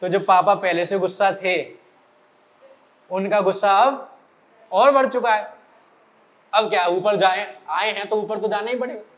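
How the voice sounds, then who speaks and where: A man's voice: high-pitched, measured pace, pauses often. A man from central India, a science teacher telling a story to his students and turning it into a homework question. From Morena, central India. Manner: lively storytelling, addresses students directly. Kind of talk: storytelling lesson. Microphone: recording for an online class video.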